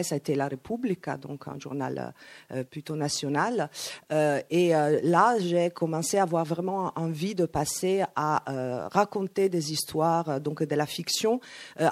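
A woman's voice: sits low, darkish tone. A woman working as a live interpreter, relaying a speaker's answers with hesitations and self-corrections. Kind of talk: consecutive interpreting at a live talk.

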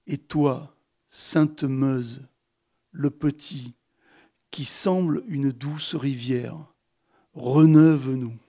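A man with a slightly high, gravelly voice reads his text aloud as a slow litany. His delivery is unhurried and incantatory, with a husky grain to the voice. He then talks about his writing in the same measured tone. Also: mellow. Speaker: author. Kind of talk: literary reading and interview answers.

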